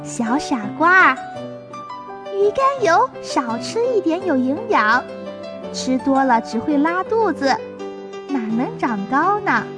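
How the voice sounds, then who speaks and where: A woman's voice: big pitch swings, slow pace, music in the background, exaggerated voice. Woman doing a chiding mother. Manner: chiding, lowered grown-up tone. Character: scolding mother, fond but firm.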